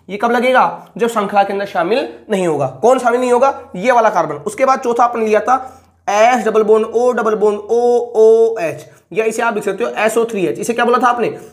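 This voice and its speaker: A male chemistry teacher recapping a lecture, who asks each question twice and then answers it himself. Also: sits high.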